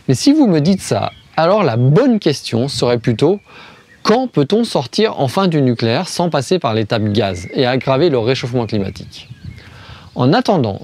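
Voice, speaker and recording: Speaking in a medium-pitched, darkish voice, a video host from France works through a scripted explainer. He argues one step at a time, asking rhetorical questions before answering them and slipping in ironic remarks.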